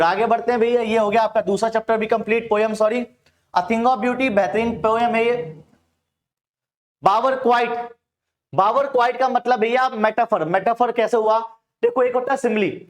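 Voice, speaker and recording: A man with an Indian accent teaching English poetry in a Hindi-English mix, asking questions and answering them himself. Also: sits high. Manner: calls students "bhaiya". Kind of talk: Hinglish exam-prep lecture.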